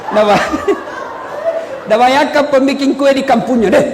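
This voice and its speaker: A man preaching a humorous sermon, telling stories in an animated way and shouting the punchlines. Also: very high-pitched, a little slow, a crowd in the background. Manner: animated storytelling with loud punchlines. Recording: reverberant hall with faint background noise.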